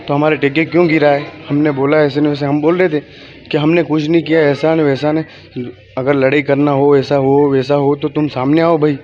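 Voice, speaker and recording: A man recounting being attacked, telling a reporter in halting, repetitive speech with many restarts. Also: on the high side, dull audio. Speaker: victim giving a statement. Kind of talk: on-the-spot account to a reporter.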